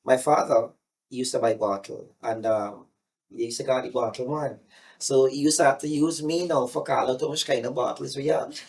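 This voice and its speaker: A man's voice: mid-range voice, moderate pace. Guyanese man telling his story, loose and rambling. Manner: relaxed, rambling, with frequent fillers and restarts. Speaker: singer being interviewed. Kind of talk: casual interview storytelling.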